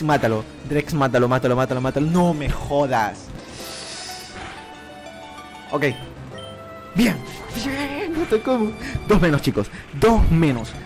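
A man giving animated commentary over a video game, talking straight to his viewers and urging the game on with repeated cries. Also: on the high side. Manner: talks to viewers as "chicos". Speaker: gaming YouTuber. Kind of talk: excited Let's Play commentary.

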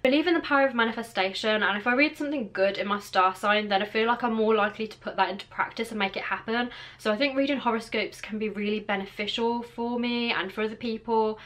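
Sitting indoors in her bedroom beside a clothes rail, a Birmingham vlogger in her late twenties chats to camera for a loose Q and A, full of fillers and rambling. Her local accent comes through in a fairly high voice that's a bit bright.

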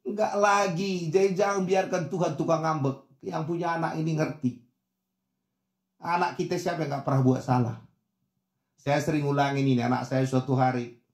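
A middle-aged male pastor preaching a lively sermon, acting out the voices in his stories and swinging from soft asides to shouts. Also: a little high, moderate pace, echoey room. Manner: animated, acts out voices of others in dialogue, swings from soft to shouting.

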